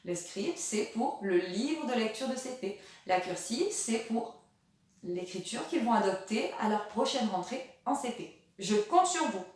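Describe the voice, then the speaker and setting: A woman teacher talking slowly and patiently to young children, switching between French and English and asking exaggerated questions. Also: fairly high pitch, expressive, a little mellow. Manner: sings nursery songs. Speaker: kindergarten teacher. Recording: very echoey room, voice from a distance.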